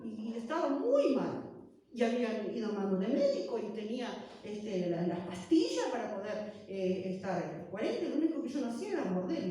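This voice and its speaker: A middle-aged woman pastor preaches with fervor, piling up rhetorical questions and repeating herself for emphasis. Her voice sits a little high but sounds mellow and warm. It rings through a very echoey church hall, picked up by a mic set well away from her. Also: far from the mic. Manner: fervent, many rhetorical questions and repetitions. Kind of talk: sermon with personal testimony.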